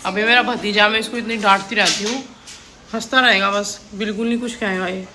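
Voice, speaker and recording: A woman's voice: medium pitch, steady tone, brisk, noisy background. A woman chatting casually to viewers and children at her village home while she films on a phone. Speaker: vlogger. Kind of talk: casual home vlog chat. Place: village house and rooftop, outdoors.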